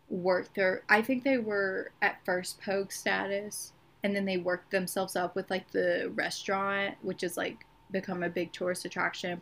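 A woman's voice: mid-range voice, a bit bright. A young woman chatting casually and informally as a podcast co-host, often using "like" as a filler. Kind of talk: casual chat.

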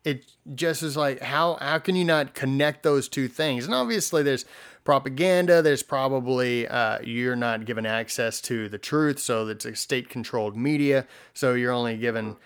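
A man co-hosting a history podcast in casual chat. He tells the story in an animated way, filling pauses with lots of ums and likes. His pitch sits in the middle. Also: smooth. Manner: animated storytelling, many fillers. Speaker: podcast co-host.

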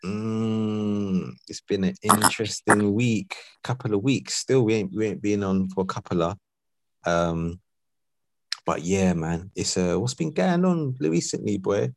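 A man's voice: lowish voice, measured pace, creaky, no echo. A man with an urban London street accent hosting a podcast in casual, slang-heavy roadman talk. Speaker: podcast host.

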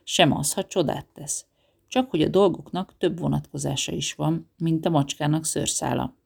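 A reader voicing a gruff, sardonic older man who lectures with dry sarcasm in an audiobook. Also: mid-range voice, fairly even intonation, a little mellow. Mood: soothing.

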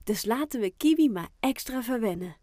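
A woman voicing a kind, cheerful female after-school carer in a children's audiobook, speaking gently and in a friendly way. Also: fairly high pitch, animated, normal speed, no room sound, studio quality, pitched above the performer's own voice. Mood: gentle.

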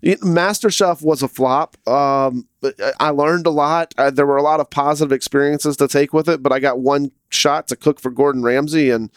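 A man's voice: fairly high pitch, fairly even intonation, normal speed, hardly any pauses, smooth, no room sound, studio quality. A man being interviewed as a food entrepreneur, talking casually, restarting sentences and thinking aloud.

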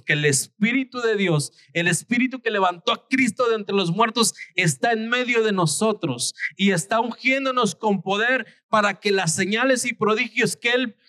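Man preaching hard, kinda high voice, dry sound no room echo. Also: a bit bright. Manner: fervent preaching with emphatic rises. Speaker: pastor. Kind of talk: sermon.

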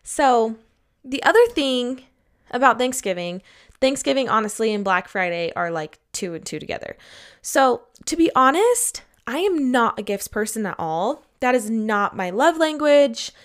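A woman's voice: on the high side, very animated, measured pace. A woman talking casually and candidly in an upbeat advice vlog, emphatic and chatty, laying out her points in an organized way. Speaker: advice vlogger.

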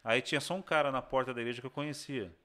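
Homem falante, contando história em ritmo rápido. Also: male voice, mid-range voice, racing. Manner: animated, acts out voices of people in his story, slangy. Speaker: guest telling his conversion story. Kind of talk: casual storytelling chat.

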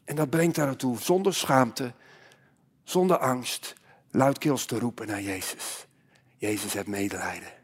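A man preaching a sermon as pastor, moving between loud exhortation and hushed, quiet passages. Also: medium pitch, a little slow, breathy edge.

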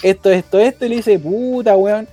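A man's voice: sits high, expressive, normal speed, a little mellow, faint music behind. Young Chilean guy telling a slangy story. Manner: slangy, rambling anecdote full of fillers. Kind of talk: casual chat.

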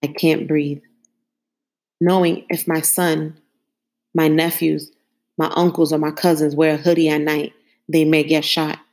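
A woman host in her thirties delivering a solemn spoken-word monologue, measured and grave, built around a repeated refrain. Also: low voice, flat delivery, darkish tone. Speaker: podcast host.

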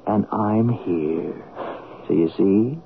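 A man's voice: deep voice, takes it slowly, creaky, a little hiss or hum, full character voice. An actor playing a middle-aged father in an old radio drama, coaxing and reassuring, on a tinny lo-fi broadcast recording. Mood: soothing.

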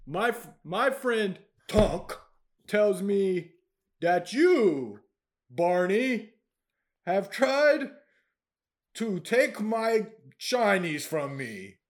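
A hulking, dim-witted brute put on by a man who booms out short broken phrases. He drags his words slowly and swings his pitch around, rising loud and high when he threatens. It's a tabletop game voice. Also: sing-song, full character voice. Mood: dim suspicious. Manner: broken simple English, slow and loud.

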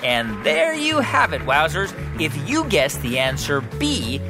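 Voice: mid-range voice, wildly swooping pitch, slow, music in the background, heavily acted. A performer playing an earnest, easily startled co-host in a scripted children's comedy podcast, with an exaggerated announcer delivery. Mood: showy, upbeat. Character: earnest, easily startled game show host, comic straight man. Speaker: co-host of a children's science game show podcast.

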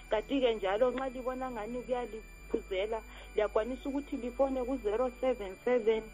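A woman's voice: on the high side, darkish tone, poor audio. Zimbabwean woman explaining as a radio guest. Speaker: radio guest, organisation representative. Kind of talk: answering listeners' questions on radio.

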